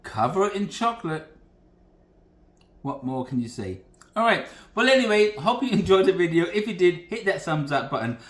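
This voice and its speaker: A man hosting a casual cooking demo from his home kitchen, talking in a folksy, rambling way with plenty of asides. His voice sits a little high for a man. The room gives it a noticeable echo. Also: sing-song, normal speed. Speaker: cooking channel host.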